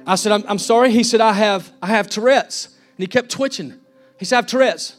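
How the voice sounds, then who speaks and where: A man delivers a fervent sermon in a high-pitched voice, acting out each person he quotes. Soft music plays faintly behind him. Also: brisk. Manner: fervent, preachy, acts out quotes. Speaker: pastor.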